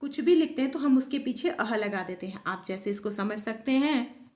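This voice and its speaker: Woman, teacher, fairly high voice, echoey room, asks and answers her own questions. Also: expressive, moderate pace, a little mellow. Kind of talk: grammar lesson to pupils.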